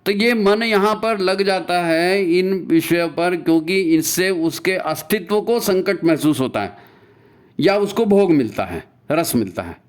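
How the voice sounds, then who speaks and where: With a high, lively voice and an unhurried delivery, a man gives a spiritual talk on meditation. He repeats points, asks rhetorical questions with "है ना?", and recites scripture and mantra lines.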